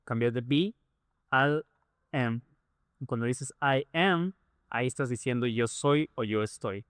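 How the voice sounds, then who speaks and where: A man's voice: mid-range voice, measured pace, a bit bright, clean tone, dry recording, studio quality. A man teaching a lesson, explaining patiently and repeating points through rhetorical questions. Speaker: English teacher.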